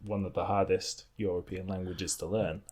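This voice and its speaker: A man's voice: low voice, level tone, normal speed, a little mellow. A man co-hosting a podcast in casual chat, rambling and joking with frequent laughs. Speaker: podcast co-host.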